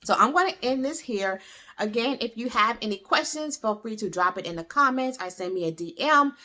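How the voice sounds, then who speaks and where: A woman's voice: on the high side, animated, brisk, sharp tone. A woman speaking casually and directly to viewers as a tax professional, frank and persuasive, urging them to act and checking in with "okay?". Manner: punctuates points with "okay?". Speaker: tax professional hosting an explainer video.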